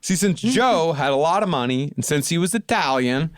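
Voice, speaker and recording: A man's voice: a little high, animated, moderate pace, no echo. A man in his thirties hosting a comedy podcast, narrating a story with profane, dry asides. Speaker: podcast host.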